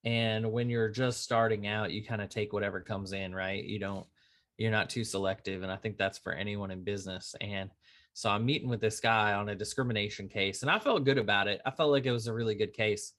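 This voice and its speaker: A man who is an insurance attorney, talking casually as a podcast guest and telling lively stories with acted-out dialogue. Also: on the low side, brisk. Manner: animated storyteller who acts out quoted dialogue. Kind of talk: conversational podcast interview.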